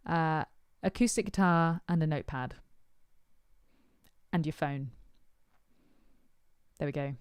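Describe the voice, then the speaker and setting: A woman's voice: low voice, slow, pauses often, clean tone, no echo, clean studio sound. A woman musician answering her supporters' questions in casual chat, thoughtful and hesitant with many ums and uhs.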